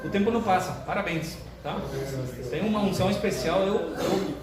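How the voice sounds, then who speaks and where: Older pastor joking in an echoey church. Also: male voice, sits high, normal speed, a crowd in the background. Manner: joking, chatty and animated. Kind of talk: informal sermon opening. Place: church sanctuary. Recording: echoey church hall, distant mic, room noise.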